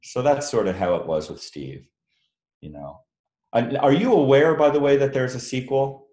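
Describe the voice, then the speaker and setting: A man, an author, chatting casually with a book club over a video call, relaxed and quick to laugh. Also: medium pitch, reverberant. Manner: relaxed, chatty, laughs easily, many fillers.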